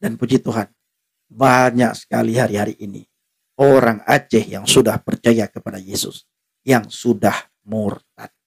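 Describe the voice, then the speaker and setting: A man's voice: fairly low pitch, fairly even intonation, a little slow, creaky, breathy edge. A man preaching defiantly on a live stream, repeating himself and laughing now and then.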